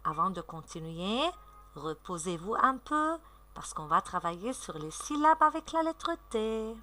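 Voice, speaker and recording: A woman teacher gives a recorded reading lesson to young children, sounding out syllables slowly and clearly in a sing-song way. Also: mid-range voice, very animated, a bit bright. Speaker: primary school teacher.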